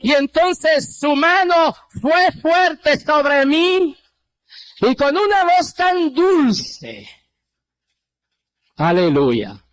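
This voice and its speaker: An older man from Rico, preaching an impassioned testimony sermon and dropping low on quoted replies. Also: animated, very slow, fairly bright tone. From Puerto Rico.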